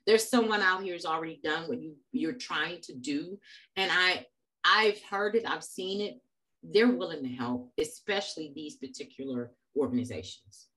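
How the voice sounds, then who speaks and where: A woman's voice: sits low, normal speed, bright, forceful tone, rough recording. A middle-aged woman, a supplier diversity manager giving an earnest, emphatic presentation over a video call. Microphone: video call webcam.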